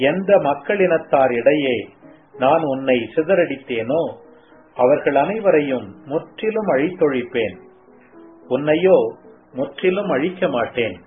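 Divine male voice of the Lord, read by a man, solemn and very slow, tinny sound. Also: fairly high pitch, lively intonation. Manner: slow solemn scripture reading. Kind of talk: devotional scripture reading. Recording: tinny phone-like sound, faint music.

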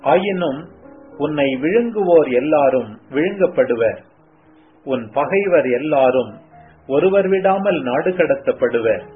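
A man's voice: on the high side, lively intonation. A man reading as the solemn voice of the Lord. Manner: slow solemn scripture reading. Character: solemn divine male voice of the Lord. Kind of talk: devotional scripture reading. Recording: tinny phone-like sound, faint music.

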